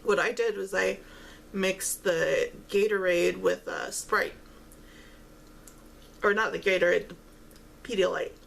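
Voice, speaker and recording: A woman talks casually over a meal, chewing between and during her halting phrases. Her voice has a strong creaky fry at a middling pitch. Faint noise sits behind her. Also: fairly even intonation, fairly bright tone. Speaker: vlogger eating on camera while talking. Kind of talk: casual mukbang-style chat.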